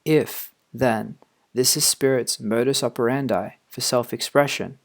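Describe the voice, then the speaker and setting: A man giving a quiet, measured, formal reading of a philosophical text as an audiobook narrator. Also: mid-range voice. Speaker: audiobook reader.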